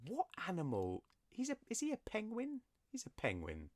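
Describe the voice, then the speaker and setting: A man's voice: high voice, huge pitch swings, moderate pace, a little mellow, dry recording, clean studio sound. A man hosting a casual podcast quiz, playful and teasing, often giggling. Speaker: quiz host.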